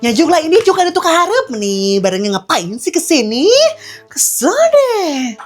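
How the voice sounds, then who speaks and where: A woman playing a chatty, kind-hearted young woman, scolding and teasing in an animated way for a comedy skit. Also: sits high, normal speed, faint music behind.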